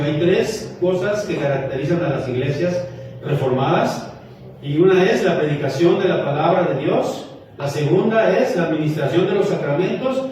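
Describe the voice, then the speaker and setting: Male pastor, lighthearted sermon, high voice, distant and roomy. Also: a little mellow, slight background noise. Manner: storytelling, joking with the congregation. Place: church hall. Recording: echoey hall from far off.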